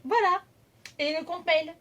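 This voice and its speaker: Femme enthousiaste à la voix aiguë. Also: female voice, very high voice, unhurried. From France. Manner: chatty, hesitant, many fillers and self-corrections. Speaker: vlogger. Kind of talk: casual chat. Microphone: phone camera.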